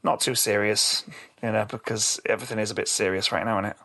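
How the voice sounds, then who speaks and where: A man's voice: lowish voice, steady tone, fast, vocal fry, pushed and bright. A man with a British accent co-hosting a podcast in casual chat, rambling and self-deprecating, with plenty of swearing. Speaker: podcast co-host.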